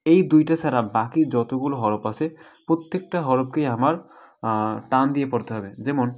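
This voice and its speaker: Man teaching letter sounds slowly. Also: medium pitch. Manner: explains patiently, drawing out letter sounds slowly as examples. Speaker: Quran reading teacher. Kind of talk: recorded online lesson.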